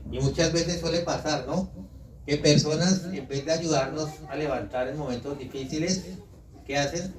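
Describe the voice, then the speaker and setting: In an echoey church hall, a Colombian visiting pastor with a Colombian Spanish accent delivers a sermon at normal speed in a voice on the high side. The mic is far off and the crowd can be heard as he preaches with energy, teasing listeners with questions and mock quotes.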